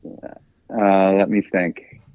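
Male track coach guest, low voice, dull lo-fi dry sound, laid-back storyteller with fillers. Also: level tone, very slow, clean tone, no echo. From United States. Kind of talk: casual interview.

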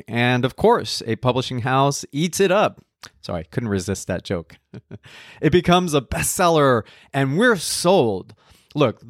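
A middle-aged nutrition counselor from Colombia talks on a podcast in a casual, conversational way, wry and lightly joking. His voice is mid-range, and the recording is dry and studio-clean.

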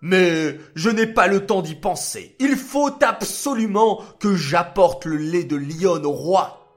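A man's voice: sits high, animated, slow pace, faint music behind, voice pushed up. A man voicing a humble, earnest servant of a king in a children's story. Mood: hurried. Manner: earnest, deferential. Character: humble king's servant, eager.

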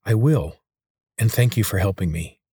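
A man's voice: on the low side, animated, moderate pace, warm tone, slightly rough, dry recording, clean studio sound, exaggerated voice. A man voicing an earnest young male hero in a storybook reading.

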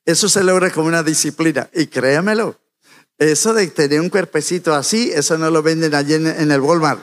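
A man with a high-pitched voice gives a sermon in a church. He keeps it light and jokey, talking straight to the congregation in a chatty way. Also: fairly quick. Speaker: church speaker. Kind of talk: humorous sermon. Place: church sanctuary.

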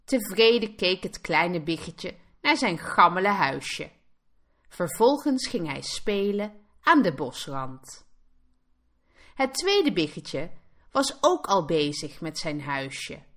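Woman teacher, storybook narrator for learners; slow, clear, animated, bright tone. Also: fairly low pitch. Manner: clear, expressive read-aloud. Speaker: Dutch teacher.

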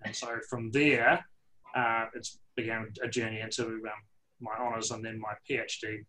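A man's voice: fairly low pitch, flat delivery, moderate pace, pushed and bright, low-quality recording. A man with a New Zealand accent telling his story as an interview guest, with wry, self-deprecating humour. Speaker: interview guest, water science professor.

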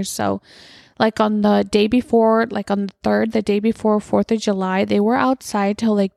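Podcast host, woman in her thirties, casual rambling chat, some vocal fry, dry close recording. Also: medium pitch, a little mellow, no echo. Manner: chatty, rambling, frequent "like". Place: inside her house at night.

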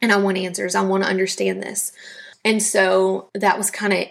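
A woman's voice: medium pitch, flat delivery, normal speed, vocal fry. Young woman telling her faith story, earnest and reflective, podcast host. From South Louisiana. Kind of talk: personal faith testimony.

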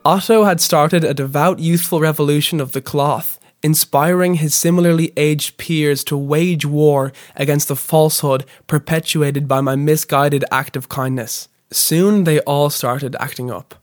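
A man, a podcast host, reading scripted comic narration in a deadpan, mock-grandiose way. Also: on the high side, measured pace, few pauses.

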